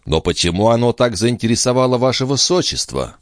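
A man reading an audiobook, voicing a grave, formal older cardinal in a low, quiet voice. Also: sing-song, fairly quick, dry recording, studio quality, close to an everyday voice.

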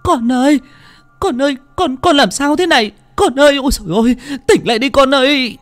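A man's voice: very high voice, measured pace, fairly bright tone, no echo, soft background music, voice pushed up. A man voicing a grief-stricken mother in her thirties, wailing and stammering.

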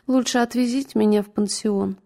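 A woman's voice: on the high side, fairly even intonation, fairly quick, creaky, dark tone. A woman voicing a frightened, battered young lady who speaks meekly through sobs. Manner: meek, sobbing.

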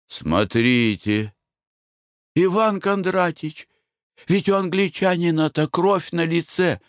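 A man's voice: a little high, animated, takes it slowly, no echo, clean studio sound, voice pushed up. A man voicing a prim merchant's wife who scolds the others in a proper, reproachful way.

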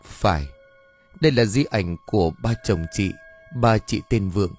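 A man voicing a gentle, steady wife in an audio story, speaking calmly and reassuringly. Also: fairly low pitch, measured pace, faint music behind. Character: calm middle-aged wife, gentle and steady.

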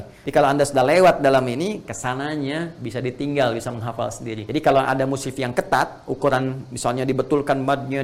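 Casting: male recitation teacher, patient, mid pitch, explains step by step. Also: creaky, slight background noise. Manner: patient, explains slowly with many "ya" and repeated sounds. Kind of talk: online tajwid lesson.

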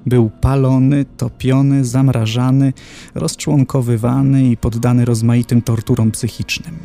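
A man's voice: medium pitch, little pitch movement, unhurried, creaky, mellow, soft background music. A man playing a formal, clinical dignitary of hell who lists tortures in a horror audiobook.

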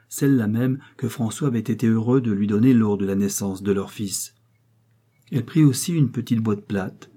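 A man narrating a classic novel as an audiobook, in a steady, measured reading. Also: lowish voice, breathy edge. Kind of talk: scripted narration.

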